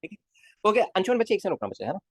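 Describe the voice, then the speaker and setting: Male physics teacher, quick delivery, lively pitch, coaxing questions, casual live class. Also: breathy edge, dry recording, studio quality. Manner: coaxing, keeps asking students questions; casual, calls students kids. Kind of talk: live online class lecture.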